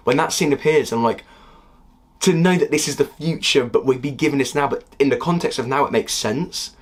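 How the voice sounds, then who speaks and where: A young man in his twenties with a husky voice, talking through a casual critique of a TV series in a heated, exasperated way. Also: mid-range voice. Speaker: video critic.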